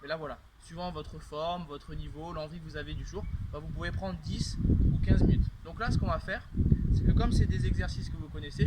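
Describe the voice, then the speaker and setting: A man with a high voice coaching a workout while doing the moves himself, his speech pushing louder on the effort. He keeps checking in with his listeners as he explains. Loud noise runs under the recording. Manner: talks while moving through exercises, loud bursts on effort; frequent "d'accord?" checks and fillers. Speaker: fitness coach. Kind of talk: workout instruction while demonstrating.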